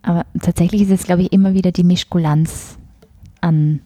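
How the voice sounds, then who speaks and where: A woman with a Viennese accent, a cabaret artist talking as a guest in a casual interview, lively, laughing often and searching for her words. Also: lowish voice, normal speed, no echo. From Austria.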